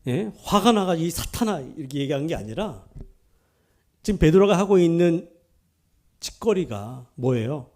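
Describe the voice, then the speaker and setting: A man's voice: fairly high pitch, big pitch swings, moderate pace, long pauses, a little mellow. A man preaching a sermon as pastor, emphatic and full of rhetorical questions to the congregation. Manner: acts out quoted speech within the preaching.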